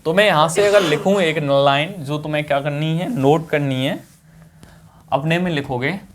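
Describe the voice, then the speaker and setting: A male teacher leads a grammar lesson in a classroom style. He fires off questions to his students and answers them himself, calling them "brother" and "child". He hammers key points home by repeating them, and drags out words as he writes. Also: fairly high pitch. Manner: repeats key points, drawn-out words while writing on the board.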